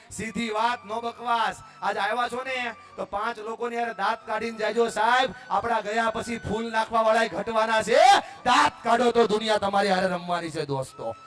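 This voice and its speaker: A man giving an energetic motivational speech at a family gathering. He exhorts the audience and leads them in call-and-response chants, sometimes shouting. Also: high-pitched.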